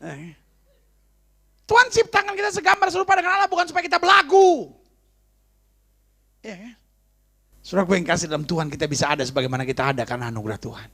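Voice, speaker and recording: A man's voice: medium pitch, gravelly, fairly bright tone, slightly rough. A male pastor preaching a humorous, storytelling sermon to a church congregation, tossing in English phrases and calling out to the crowd.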